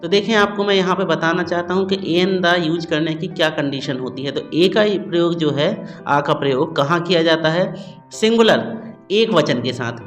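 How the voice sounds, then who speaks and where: A man's voice: a little high, normal speed, soft background music. A man teaching a grammar lesson, explaining step by step to students and checking understanding often. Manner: addresses students as "bachcho".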